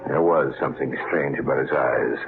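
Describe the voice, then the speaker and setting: An actor playing a restless small-town man who narrates, telling the story in a measured, somber way in an old-time radio drama. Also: very deep voice, creaky. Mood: uneasy. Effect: old-time radio broadcast. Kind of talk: 1940s radio drama acting. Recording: tinny, hissy old radio recording.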